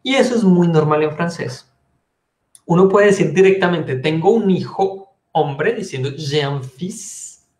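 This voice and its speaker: High-voiced man teaching French patiently. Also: expressive, a little slow, a little mellow, echoey room. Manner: explains patiently, repeats and spells words. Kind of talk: online language class.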